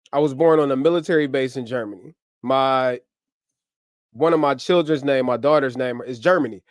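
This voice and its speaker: A man's voice: medium pitch, dry recording. Upbeat slangy man, dry close sound. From US, grew up in Ohio. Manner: upbeat, slangy, giving rapid shout-outs to viewers. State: short on sleep. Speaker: livestream host. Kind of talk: casual livestream chat. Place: home. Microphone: camera mic on a livestream setup.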